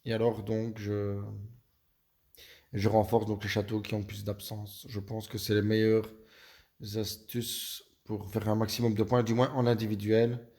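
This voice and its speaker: Belgian man, belgian french accent, low flat voice, hesitant, many fillers, casual gaming tips. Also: measured pace. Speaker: gaming YouTuber. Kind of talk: casual gameplay tips walkthrough.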